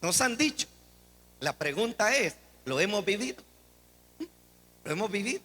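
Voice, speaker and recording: A man preaching a dramatic sermon as pastor, swinging between shouts and quiet asides. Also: sits high, sing-song, normal speed. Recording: long hall reverb.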